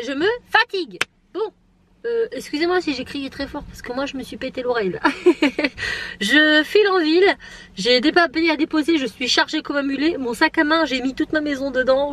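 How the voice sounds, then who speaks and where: A woman in her thirties vlogs from her car, chatting casually and laughing at herself. Her voice sits high and a bit bright, with a slight hiss or hum on the recording.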